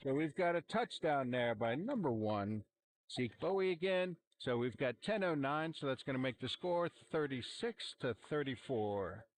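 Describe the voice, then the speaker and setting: A man calling a high school football game, relaxed and rambling with plenty of fillers. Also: normal speed. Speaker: play-by-play commentator. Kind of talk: amateur sports commentary. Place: outdoor football stadium sideline. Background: cheering fans.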